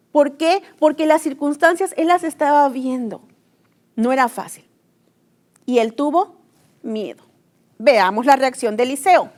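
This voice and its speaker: High-voiced woman preaching a sermon. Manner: earnest storytelling of scripture, acting out quoted cries.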